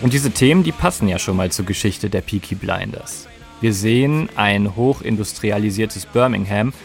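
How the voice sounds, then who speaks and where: In a lowish, gravelly voice, a man presents a scripted music documentary podcast, explaining things and addressing listeners directly.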